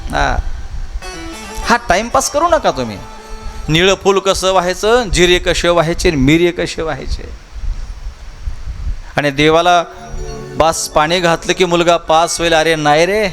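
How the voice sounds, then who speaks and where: Impassioned high-voiced Marathi preacher. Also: male voice, unhurried, long pauses, fairly bright tone, faint music behind. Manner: impassioned, rhetorical questions to the crowd, repeats phrases, calls listeners maybap. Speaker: kirtan preacher telling the Shiv Mahapuran katha. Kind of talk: devotional katha sermon. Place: large public gathering at a festival.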